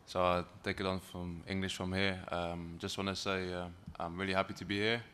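A man in his twenties giving measured, hesitant answers as a footballer at a press conference, on a table microphone. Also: low voice, flat delivery, fairly bright tone, clean tone. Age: 20s. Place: press room, indoors. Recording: faint room noise.

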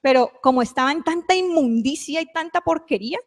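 High-voiced woman giving church testimony. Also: brisk. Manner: emotional, confessional storytelling. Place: church hall. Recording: long hall reverb.

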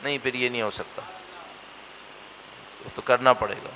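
A man giving a religious lecture, earnest, asking rhetorical questions and swinging between emphatic and hushed lines. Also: medium pitch, steady tone, normal speed. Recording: long hall reverb.

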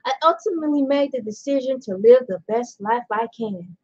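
Chatty lady vlogger rambling along, high voice, kinda dull lo-fi sound. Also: animated, a little fast, a little mellow. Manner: rambling and chatty, laughs often. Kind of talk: casual chat. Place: indoors under bright lights.

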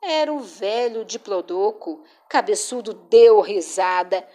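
A woman reading a children's picture book aloud in an expressive, sing-song way. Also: medium pitch, a little slow. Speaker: children's storyteller.

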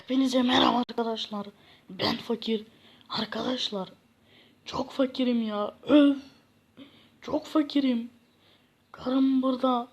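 A woman's voice: fairly high pitch, steady tone, a little slow, pauses often, husky, lo-fi sound. A woman voicing a poor, self-pitying young man in a game parody, sighing and complaining. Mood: gloomy complaining. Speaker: content creator. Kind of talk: game parody role-play.

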